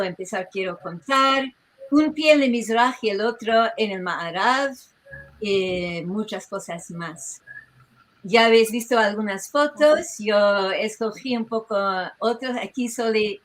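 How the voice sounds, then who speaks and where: A woman presenting as a researcher at an online tribute, talking in a lively, digressive way that often breaks off mid-phrase, heard through a video-call microphone. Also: mid-range voice, poor audio. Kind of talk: informal presentation to an online audience.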